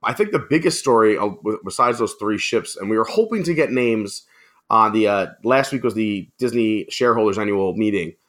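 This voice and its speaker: Podcast guest: friendly man, low-ish voice with a bright, forceful edge, easygoing chat. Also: animated, normal speed. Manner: friendly, chatty, many fillers.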